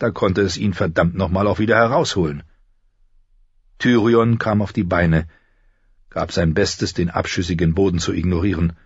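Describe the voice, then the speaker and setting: Low gravelly-husky guy reading a fantasy book, steady, dry muffled sound. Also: no room sound. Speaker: audiobook narrator. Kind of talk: scripted fantasy narration.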